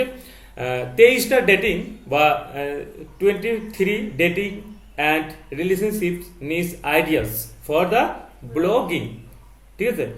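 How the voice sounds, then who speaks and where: A man tutoring a learner, repeatedly asking questions and correcting pronunciation. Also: high-pitched. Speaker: teacher. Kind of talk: tutoring lesson, quizzing a learner. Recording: echoey room with faint noise.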